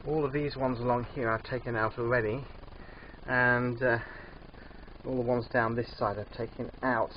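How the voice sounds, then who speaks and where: An older man with a thick, sore, swollen-sounding throat, narrating a casual DIY vlog in a hesitant, unhurried way. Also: mid-range voice, fairly even intonation. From England. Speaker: DIY van converter presenting. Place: in and around a van. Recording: dull muffled sound, background vehicle noise.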